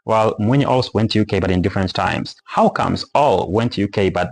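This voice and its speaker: In a casual spoken lesson on English pronunciation, a man with a lowish, creaky voice explains things step by step. He slowly repeats the example words.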